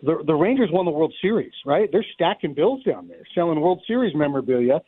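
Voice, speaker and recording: A slightly rough, a little high, expressive male voice speaks fairly quickly as a middle-aged play-by-play man guesting on live radio. He gives off-the-cuff, wryly funny sports commentary, heard through a thin, roomy phone line with narrow bandwidth.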